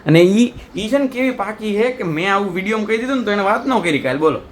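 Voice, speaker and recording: A man's voice: sits high, lively intonation, fast, slight background noise. Joking young man vlogging from home. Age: young adult. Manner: joking, teasing, chatty. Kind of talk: casual vlog chat. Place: family home indoors.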